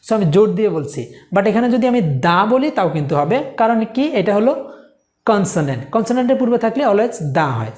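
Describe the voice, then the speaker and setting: A woman teaching a spoken English pronunciation lesson. She explains patiently, repeats each point and says the English examples slowly. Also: medium pitch, a little mellow.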